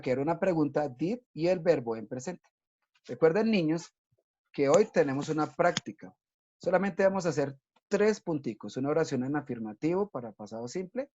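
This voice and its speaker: This is a recorded online English class for children, taught by a man whose mellow, dark voice sits on the high side. Patient and methodical, he explains step by step and keeps checking they follow with "¿listo?". The sound quality is dull and lo-fi.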